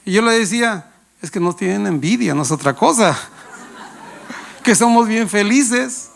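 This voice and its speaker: A man's voice: high-pitched, lively intonation, normal speed, vocal fry, some chatter behind, a little hiss or hum. A male pastor, preaching a sermon with playful anecdotes and questions to the congregation. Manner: playful, laughs while telling anecdotes.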